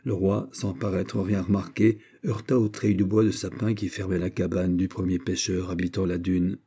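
A man narrating a classic novel as an audiobook in a steady storytelling manner. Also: low-pitched, moderate pace, breathy edge. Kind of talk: scripted narration.

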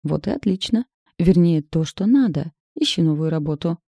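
A woman's voice: lowish voice, animated, normal speed, mellow, husky, no echo. A woman voicing a shrewd middle-aged mother who teases and pushes her daughter, lifting her voice a little for the part. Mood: bossy. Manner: wry, knowing, pushy.

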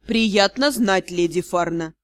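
Woman reader doing a male aristocrat: low, icy, unhurried courtesy, storybook. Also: animated, close to an everyday voice. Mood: icy polite. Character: cold, commanding aristocratic lord, a male academy director. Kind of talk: audiobook character voice.

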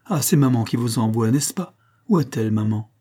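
A young boy, earnest and lonely, speaks with eager childish pleading, voiced by a man. The voice sits high and bright for him, lifted well above a grown man's register. It is a storybook read aloud, the child's lines set off from the narration. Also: fairly quick, natural voice. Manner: raised childlike pitch, pleading and lively.

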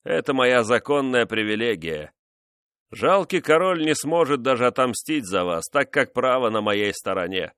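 A man's voice: medium pitch, big pitch swings, fairly bright tone, smooth, no room sound, studio quality, pitched above the performer's own voice. Man playing a cruel, mocking nobleman. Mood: menacing. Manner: mocking, menacing, measured. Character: cruel vengeful nobleman, menacing husband.

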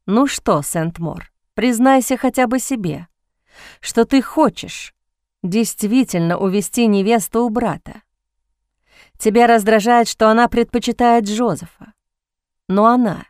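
A woman voicing a cold, cynical aristocratic man in an audiobook, speaking low in a husky, mocking whisper. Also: darkish tone, no room sound, studio quality, close to an everyday voice.

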